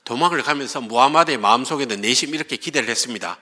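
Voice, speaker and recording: A man tells history as a lively story, his pitch climbing and dropping freely. His tone is bright and forceful. The voice carries a long reverb, as from a lecture hall. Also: rapid-fire. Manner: lively storytelling, acts out quoted speakers.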